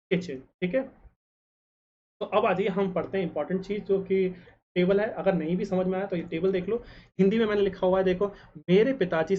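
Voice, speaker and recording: Guy teaching english grammar, asks stuff then answers it, slows way down on the example lines, kinda dull lo-fi sound w faint hiss. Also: high-pitched, a little mellow. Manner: slows down to spell out each English example sentence; asks the class questions and answers them himself. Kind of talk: grammar lesson.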